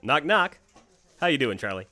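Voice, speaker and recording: A man's voice: mid-range voice, big pitch swings, normal speed, pushed and bright. A man playing a breezy Satan in human guise in an audio drama, glib, casual and full of mock sympathy. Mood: breezy, insistent. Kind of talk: modern audio drama acting.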